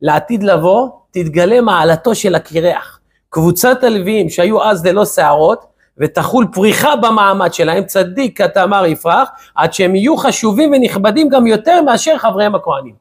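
A male rabbi teaches the weekly Torah portion in a raised pitch with a breathy edge. He is a lively, animated storyteller who asks rhetorical questions.

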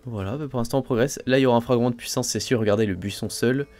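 A man casually commenting on his gameplay as a let's play host, thinking aloud, full of fillers and excited exclamations over each new find. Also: mid-range voice, very fast. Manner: chatty, thinks aloud, frequent "hein" and "euh" fillers.

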